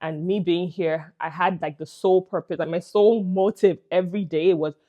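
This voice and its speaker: Speaking to camera, a young Nigerian-accented woman shares a personal story in a relaxed, talkative vlog, peppering it with "like" and "you know" and laughing between phrases. Her voice is lowish and steady at a normal pace, and the recording sounds muffled.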